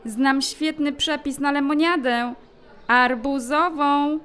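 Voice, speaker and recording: A squeaky little hamster girl. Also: steady tone, takes it slowly, a bit bright. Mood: cheerful. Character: small timid young female hamster schoolgirl. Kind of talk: audiobook drama acting.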